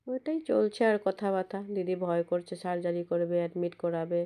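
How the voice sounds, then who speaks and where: A woman narrating a home vlog as a casual voice-over. Her voice is hoarse and cracked from a cold, and she rambles and restarts her words. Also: on the low side, steady tone, normal speed, dark tone. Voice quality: husky, cracked voice. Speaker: vlogger narrating her visit. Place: indoors, voice-over recorded at home. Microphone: phone.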